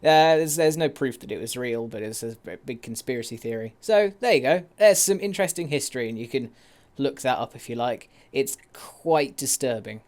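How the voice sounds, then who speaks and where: A man chatting excitably while playing a video game, reading bits aloud and reacting as he goes. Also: mid-range voice, normal speed. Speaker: gaming YouTuber. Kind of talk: casual let's play commentary.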